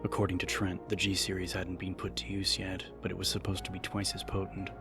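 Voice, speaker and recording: A man with a low voice reads a dramatic audiobook from a script, his intonation staying very flat the whole way. He goes a little fast, and music is clearly audible behind him.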